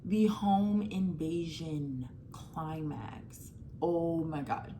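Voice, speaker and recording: Loud music plays behind this woman's low voice, and the recording is rough. In her twenties, she chats emphatically about a movie, filling her speech with "like" and shifting from quick delivery to long, drawn-out phrases.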